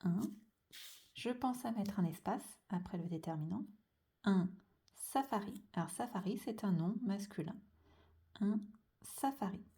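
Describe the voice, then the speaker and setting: A woman leads a dictation lesson for small children. She speaks very slowly and draws out every sound and syllable. Her voice is soft and mellow. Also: medium pitch, animated. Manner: slow, careful, drawn-out sounds and syllables. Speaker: teacher.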